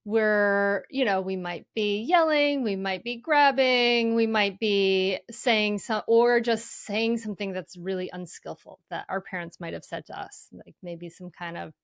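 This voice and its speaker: Woman, interview guest, earnest, gentle, conversational, dry close sound. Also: medium pitch, unhurried, hardly any pauses, smooth, dry recording. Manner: earnest, gentle, many fillers like "you know". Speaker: mindfulness author, guest. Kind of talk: conversational explanation.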